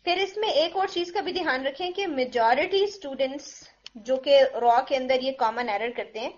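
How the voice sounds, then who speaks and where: A woman with a high voice teaches recitation in a patient way. She demonstrates each sound slowly and slips English phrases into her explanations. The recording is dull and lo-fi. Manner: mixes English phrases into Urdu. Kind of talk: tajweed pronunciation lesson.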